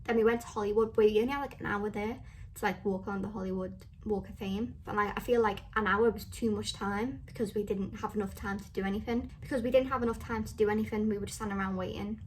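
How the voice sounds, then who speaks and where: Young woman, casual travel vlog, chatty, lots of filler words, medium pitch. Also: steady tone, fast talker, a little hiss or hum. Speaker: travel vlogger.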